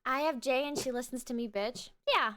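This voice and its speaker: A woman's voice: sits high, brisk, fairly bright tone. A young adult woman streamer in casual live-stream chat, talking by turns to her dog and to her viewers.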